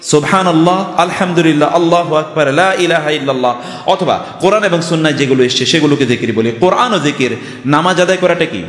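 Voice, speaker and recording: A man's voice: fairly high pitch, a little fast, fairly bright tone. An older man from Bangladesh giving a Friday sermon, emphatic, full of rhetorical questions and storytelling. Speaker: preacher. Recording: echoey hall reverb.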